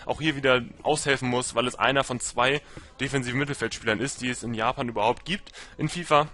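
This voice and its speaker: A man's voice: medium pitch, steady tone, quick pace, pushed and bright. A young man giving casual, rambling commentary over a football video game, full of fillers and self-corrections. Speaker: gaming commentator.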